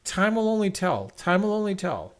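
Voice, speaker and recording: A man's voice: high-pitched, big pitch swings, moderate pace. A man hosting a live stream, rambling casually about football with lots of restarts and strong opinions. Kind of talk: casual sports rant. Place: at home, checking scores on screen.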